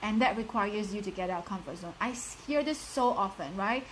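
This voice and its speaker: In a rough recording with slight background noise, a woman in her thirties with a strong Singaporean accent gives a live motivational talk as a life coach. She speaks directly to her viewers in a mid-range voice, brisk and lively in intonation, encouraging them and peppering her speech with "like" and "you know."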